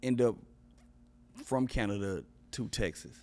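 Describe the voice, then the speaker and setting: A man's voice: lowish voice, measured pace, a little mellow. A man hosting a casual interview, giving brief, easygoing replies and questions. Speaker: host.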